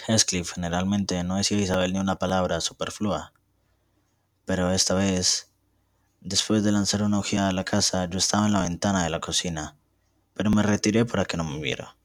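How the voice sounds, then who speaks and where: A young man, a student, reading a novel aloud in a steady, measured way. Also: deep voice, no echo, clean studio sound. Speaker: student narrator.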